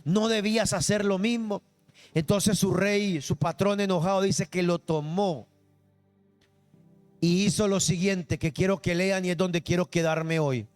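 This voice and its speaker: A man's voice: sits high, fairly even intonation, measured pace, a little mellow, smooth, faint music behind. A man preaching a Sunday sermon as pastor, emphatic and quizzing the congregation with questions. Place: church service.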